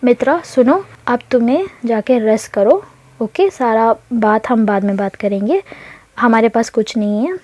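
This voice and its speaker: A woman's voice: a little high, expressive, measured pace, a little mellow, dry recording. A woman voicing a firm alien mother who settles arguments.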